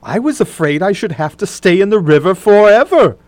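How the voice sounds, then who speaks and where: Woman as a storybook scarecrow man, cheerful, simple, lively swooping pitch, close dry sound. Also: moderate pace, no echo, natural voice. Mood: grateful. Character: cheerful, simple male scarecrow stuffed with straw. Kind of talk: children's storybook character reading.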